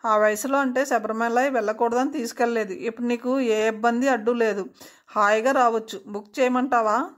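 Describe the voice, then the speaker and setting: A woman's voice: on the high side, fairly even intonation, normal speed, natural voice. A woman voicing a chatty, rambling older aunt talking on the phone in a storybook reading.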